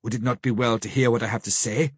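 A man voicing an old male professor who speaks gravely, sternly and with pity, in slow, solemn, pleading phrases for an audiobook. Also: mid-range voice, fairly even intonation, no echo, clean studio sound, lightly acted. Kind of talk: audiobook character reading.

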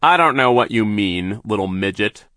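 A man reading an audiobook, voicing a sneering villainous factory foreman who talks slowly and mockingly. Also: fairly low pitch, lively intonation, fairly bright tone, no room sound, studio quality. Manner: slow, mocking, drawn-out. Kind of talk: audiobook character voice.

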